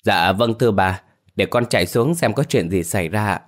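A man's voice: fairly low pitch, normal speed, natural voice. A man voicing a timid young servant girl who stammers and speaks deferentially. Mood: dutiful.

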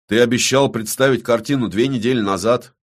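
A man's voice: mid-range voice, brisk, natural voice. A man reading an audiobook, voicing a stern, powerful male official with a harsh temper and curt, commanding speech.

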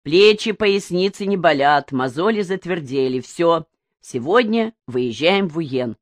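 A woman's voice: on the low side, expressive, a little slow, dry recording, studio quality. A woman voicing an adult male work-crew foreman who drags his words out and speaks curtly, in a storybook reading. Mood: drawling. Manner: drawls words out.

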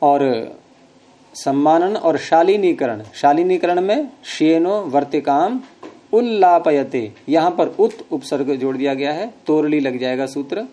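A man teaching a grammar class, explaining rules patiently, quizzing students with questions and teasing them gently. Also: a little high, expressive, a little slow.

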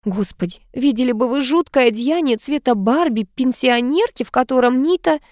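A chattering, theatrical society aunt, as a female reader puts her on, with a raised, lively voice. She gushes and dramatizes every sentence, recorded close and dry. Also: high-pitched, normal speed, no echo, voice pushed up. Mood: gushing. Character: theatrical much-married society aunt, flamboyant and gushing.

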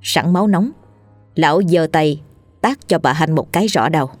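A woman, narrating a scripted ghost story in a steady reading voice. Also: low voice, normal speed, dry recording, soft background music.

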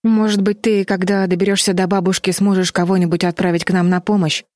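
A woman's voice: mid-range voice, level tone, quick pace, a little mellow, no echo, studio quality, pitched above the performer's own voice, natural voice. A woman voicing an anxious, sensible girl who speaks sternly and pleads, in a storybook reading.

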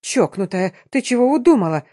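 A woman voicing a scheming, jealous middle-aged stepmother who turns shrill, tearful and defiant, in a dry audiobook reading. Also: normal speed, darkish tone, dry recording, lightly acted. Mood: shrieking. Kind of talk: audiobook character voice.

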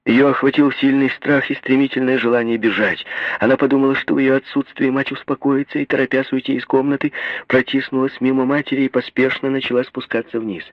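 A man narrating a novel as an audiobook in a measured, expressive way. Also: mid-range voice, dry recording, highs cut off.

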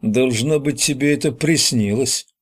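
A man's voice: medium pitch, unhurried, voice pushed up, natural voice. A man voicing a brash, wisecracking teenage boy in an audiobook. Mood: teasing. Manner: brash, teasing. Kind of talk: audiobook character voice.

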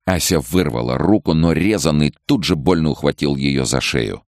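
A man narrating an audiobook in a measured, dramatic reading. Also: very deep voice, lively intonation, dry recording, clean studio sound. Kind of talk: scripted narration.

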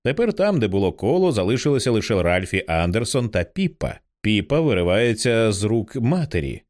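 A man's voice: on the low side, fairly quick. A man reading a horror screenplay aloud as an audiobook, voicing the quoted lines with a lifted voice. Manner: lively, raising his voice for quoted lines. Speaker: audiobook narrator.

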